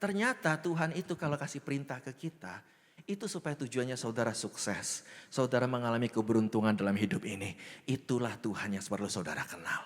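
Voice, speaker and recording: A man preaching a lively sermon as pastor, joking and acting out little voices while often checking in with the congregation. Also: mid-range voice, brisk. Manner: animated, jokes and acts out voices, asks the congregation often. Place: church hall. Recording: long hall reverb.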